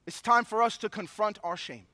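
A man's voice: sits high, moderate pace, pushed and bright, no echo. A man preaching a sermon, a father who mixes impassioned preaching with personal stories. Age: adult father of young children. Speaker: pastor.

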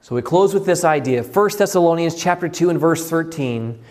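A man preaching an evening sermon, swinging between high exclaims and hushed low lines. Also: moderate pace.

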